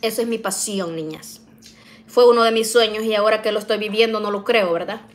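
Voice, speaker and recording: A middle-aged woman vlogger cooks in her home kitchen, chatting casually with viewers, whom she calls "niñas." Her mid-range voice is brisk, and she often tags sentences with "¿verdad?"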